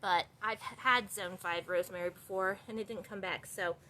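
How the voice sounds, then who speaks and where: A woman's voice: mid-range voice, steady tone, normal speed, sharp tone. A woman working at a florist, chatting casually as she walks through the shop showing plants, rambling a little with lots of fillers. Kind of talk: casual walkthrough video. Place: flower shop and garage.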